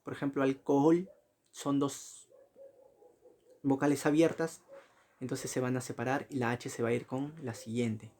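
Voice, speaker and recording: A man giving a recorded slide lecture, often correcting himself, asking short checking questions and spelling out examples slowly. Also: medium pitch, flat delivery, dark tone, a little hiss or hum. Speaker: teacher.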